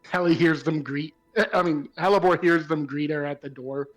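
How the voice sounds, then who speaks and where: A man's voice: a little high, fairly even intonation, normal speed, faint music behind, low-quality recording. A man chatting casually as a player in a tabletop role-playing game.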